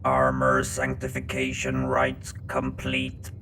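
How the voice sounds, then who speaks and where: A man voicing a cyborg servitor who speaks in a flat mechanical drone. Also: a bass voice, takes it slowly, slight background noise, voice pushed down, heavily acted, poor audio. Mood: monotone. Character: grim male cyborg servitor, monotone, mechanical. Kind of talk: audiobook-style story narration.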